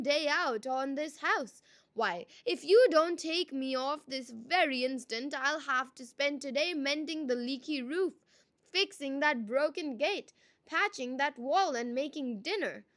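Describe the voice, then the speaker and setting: A woman's voice: high-pitched, animated, measured pace, fairly bright tone. A woman voicing a cheerful, sly male trickster in a storybook, folksy and melodramatic, with exaggerated gratitude. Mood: gleeful, pleading. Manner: folksy, exaggerated, mock-grateful. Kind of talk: acted storybook dialogue.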